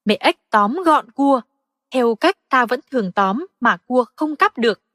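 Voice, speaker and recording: A woman narrating a children's audiobook in a slow, gentle and expressive manner. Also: on the high side, no echo, studio quality, big-room sound.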